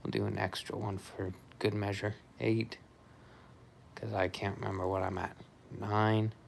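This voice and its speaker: Low-key guy doing an exercise demo, kinda monotone n slow, murmured counting, bit of noise behind. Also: gravelly. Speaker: vlogger recovering from surgery, demonstrating exercises.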